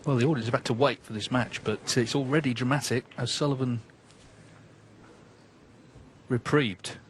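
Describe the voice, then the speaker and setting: A man giving live snooker match commentary in a measured way, often turning remarks into tag questions. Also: mid-range voice, steady tone. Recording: background noise and arena ambience.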